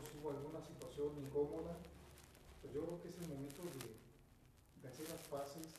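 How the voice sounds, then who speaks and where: A man supervising staff, calmly mediating a workplace dispute and often checking for agreement. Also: fairly high pitch. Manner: calm, conciliatory, repeats "¿sí?". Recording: echoey room, mic far off, faint noise.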